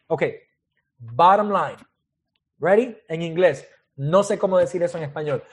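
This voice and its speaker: A man's voice: fairly high pitch, a little fast, a little mellow, husky. A man preaching a sermon as pastor, switching between Spanish and English and acting out dialogue between God and Moses.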